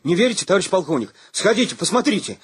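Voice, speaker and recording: A man voicing an earnest young junior lieutenant who gives a crisp, formal military report. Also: high voice, lively intonation, fairly quick, pitched above the performer's own voice. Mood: insistent.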